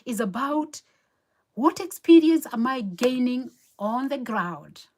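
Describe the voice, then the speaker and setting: A motivational livestream host, this Kenyan woman and native Kikuyu speaker broadcasts from her New York City home. She has a high-pitched, slightly mellow voice with lively intonation, speaking slowly, earnestly, and encouragingly while repeating key phrases.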